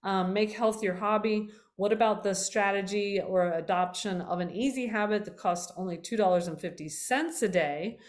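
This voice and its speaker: Chatting loosely with her viewers about health, a middle-aged woman host keeps stopping to correct herself and uses many fillers. Her voice sits at an ordinary middle pitch and sounds slightly worn, as if she's losing it. She talks at normal speed with hardly any pauses.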